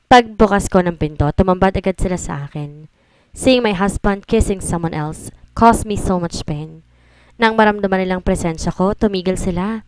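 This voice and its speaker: A woman's voice: medium pitch, moderate pace, clear, resonant tone. A woman narrating a romance audiobook in an emotional first-person reading. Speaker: storyteller.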